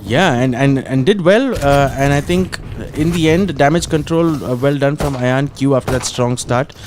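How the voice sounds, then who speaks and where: A man's voice: mid-range voice, moderate pace, noisy background. A man with an Indian English accent casting an esports tournament, chatty and analytical, laughing now and then. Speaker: esports caster. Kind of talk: play-by-play commentary.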